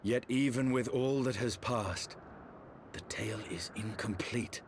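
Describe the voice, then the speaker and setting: An actor playing a brooding, war-weary dragoon knight in a video game, speaking in grave, archaic phrases. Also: male voice, medium pitch, noisy background, close to an everyday voice. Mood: pondering. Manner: grave, archaic, measured speech. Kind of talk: dramatic video game acting.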